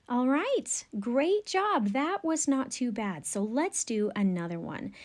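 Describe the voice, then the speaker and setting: A woman with a mid-pitched voice gives painting instruction in a gentle, encouraging manner. She narrates each step in an orderly, tutorial style, like a teacher guiding beginners.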